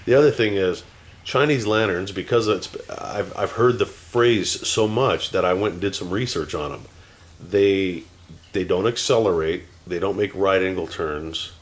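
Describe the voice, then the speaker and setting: Speaking low-pitched and a little slowly, a teary-eyed male vlogger in his forties rambles unscripted at his home camera. His talk is cluttered with fillers and restarts, and it builds into a heated rant.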